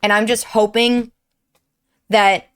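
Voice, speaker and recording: This young streamer and YouTuber speaks slowly with little pitch movement, her medium-pitched voice smooth and fairly bright. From her home desk she gives viewers an earnest, wandering personal update while her throat sounds sore and strained.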